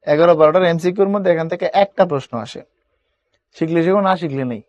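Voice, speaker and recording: A man's voice: on the high side, quick pace, darkish tone, no echo, highs cut off. A young man teaching an online spelling class, casual and coaxing, often checking whether students understand. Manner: colloquial, coaxing, keeps asking students if it is clear.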